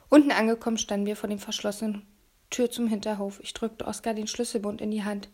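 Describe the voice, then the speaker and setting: Gravelly-voiced woman reading a story. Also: mid-range voice, moderate pace. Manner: animated, dropping to whispers at times. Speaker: audiobook reader. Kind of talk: lively storybook narration.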